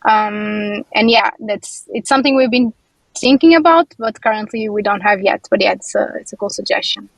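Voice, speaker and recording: A woman's voice: mid-range voice, moderate pace, vocal fry, dry recording, low-quality recording. A woman answering audience questions after a talk, hesitant and full of fillers.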